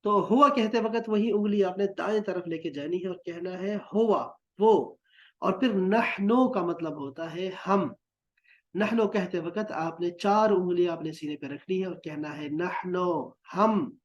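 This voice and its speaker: A man's voice: sits high, normal speed, fairly bright tone, muffled recording. A man teaching Quranic Arabic words in a recorded lesson, patiently drilling and repeating them. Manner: patient, repetitive drilling with gestures.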